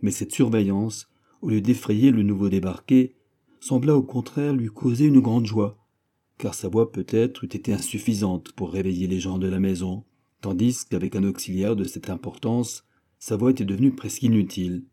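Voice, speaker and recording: A man reading a classic novel aloud as an audiobook, steady and measured. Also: on the low side. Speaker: audiobook reader. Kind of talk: scripted narration of a classic novel.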